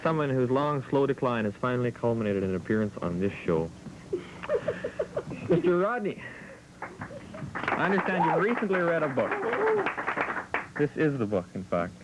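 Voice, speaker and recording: A man hosting an amateur comic talk show, introducing guests with mock-formal, deadpan patter. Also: mid-range voice, brisk, very noisy.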